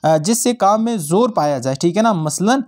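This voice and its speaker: A man's voice: high voice, animated, moderate pace, darkish tone. A man teaching a grammar lesson to students, explaining terms and acting out short example phrases, mixing in English words. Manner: explains in Hindi-Urdu mixed with English words; acts out short example exclamations.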